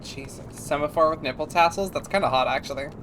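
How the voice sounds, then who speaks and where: A woman's voice: low voice, fast, noisy background. A woman chatting casually as she streams a game.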